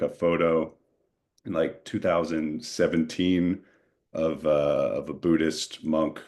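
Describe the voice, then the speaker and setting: A man's voice: rumbling low, darkish tone. A man, a film director, answering at a Q&A in a thoughtful way, searching for words now and then. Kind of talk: Q&A panel answer.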